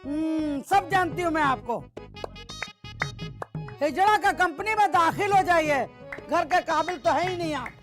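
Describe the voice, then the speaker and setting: Nagging wife, super high pitched, sharp tongue. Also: female voice, a little slow, pauses often, music in the background. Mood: scolding. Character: scolding suspicious wife of a middle-aged man. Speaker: actor. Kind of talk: TV drama acting.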